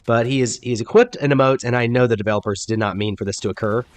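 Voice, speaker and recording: A man narrating gameplay commentary over footage, his voice a bit congested from a cold. He explains each move in an upbeat way, jumping up in pitch when something excites him. The sound is dry and close, with his pitch sitting in an ordinary middle range. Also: fast, no echo.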